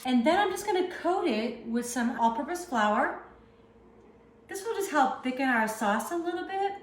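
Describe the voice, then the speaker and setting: This cooking-channel host is a woman from the Northeast US with a Northeastern accent, talking casually while she cooks at home. She has a high-pitched voice with lively intonation, moves at a moderate pace, and sounds chatty and upbeat. The sound is roomy.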